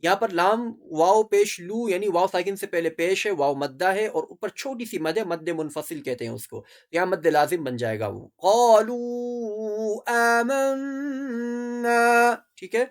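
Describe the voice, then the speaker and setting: A Quran teacher giving a beginner tajweed lesson, explaining each letter and rule and then reciting the verses slowly and drawn out. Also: medium pitch. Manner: asks students questions and corrects common mistakes.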